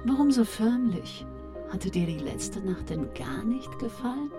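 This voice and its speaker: A woman's voice: on the high side, very animated, unhurried, over music. An actress playing a teasing, self-assured female killer who speaks in a languid, mocking, flirtatious way. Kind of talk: noir audio drama acting.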